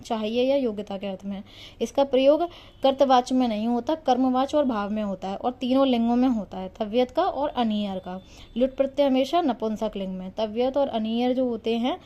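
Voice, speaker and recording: A woman with a fairly high but mellow voice teaches a grammar lesson. She poses questions and answers them herself, repeating key terms. The recording is dull and lo-fi. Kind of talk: explaining Sanskrit grammar lesson.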